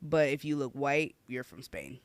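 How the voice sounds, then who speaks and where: A man's voice: medium pitch, sing-song, moderate pace, no echo. A man co-hosting a podcast, talking in a loose, rambling way full of "like" fillers. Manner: rambling, many "like" fillers, laughs a lot. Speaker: podcast co-host. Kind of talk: casual chat.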